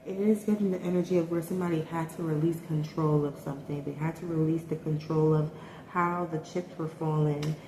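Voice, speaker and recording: Woman, lowish mellow voice, hesitant tarot reader, roomy echo with faint hiss. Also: fairly even intonation, a little fast. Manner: hesitant, thinking aloud with many ums and likes. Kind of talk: casual tarot reading. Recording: echoey room with faint noise.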